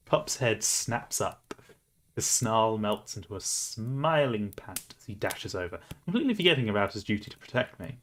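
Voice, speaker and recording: A man's voice: lowish voice, big pitch swings, normal speed, a little hiss or hum. A man streaming a game, reading the story aloud with playful, laughing asides.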